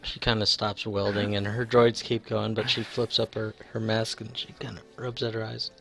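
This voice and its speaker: A man's voice: fairly low pitch, level tone, normal speed, vocal fry, fairly bright tone, faint music behind. A man narrating as game master, rambling with many fillers and restarts.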